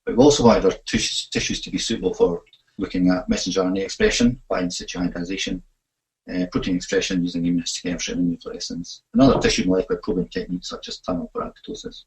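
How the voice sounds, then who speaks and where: Broad Scottish male presenter, technical webinar, hesitant delivery, pitch swings widely. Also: huge pitch swings, racing, creaky, poor audio. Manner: hesitant, with frequent fillers and self-corrections. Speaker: imaging facility manager presenting a webinar.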